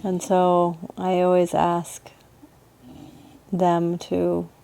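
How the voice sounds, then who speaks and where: A woman leads a meditation like a soothing yoga teacher, her lowish voice very dark and relaxed, with vocal fry and a clear, resonant tone. She speaks very slowly, almost without melody, pausing gently between short phrases. The recording quality is low.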